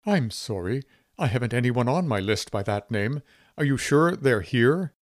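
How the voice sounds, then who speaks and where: A man's voice: medium pitch, animated, normal speed, dry recording, clean studio sound, natural voice. A man voicing a young, anxious funeral home receptionist who sounds sad and eager to please, in a storybook reading. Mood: politely solemn.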